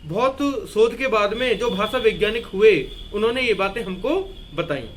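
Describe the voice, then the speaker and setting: A man's voice: high-pitched, animated, moderate pace, a bit bright. A man teaching a Hindi grammar lesson at a board. He asks and answers his own questions and repeats key words. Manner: writes and erases on a board while explaining.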